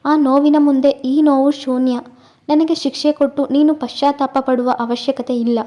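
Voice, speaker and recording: A woman voicing a gentle, devoted young husband who pleads softly and apologetically in an audio story. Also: sits high, little pitch movement, normal speed, lightly acted. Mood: remorseful.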